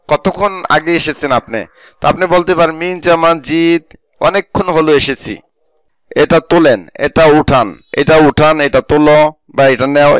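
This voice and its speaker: A man with a Bangladeshi Bengali accent giving a spoken Arabic language lesson, repeating each phrase slowly and then translating it. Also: fairly high pitch, no room sound. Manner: slow repetition of phrases with translations.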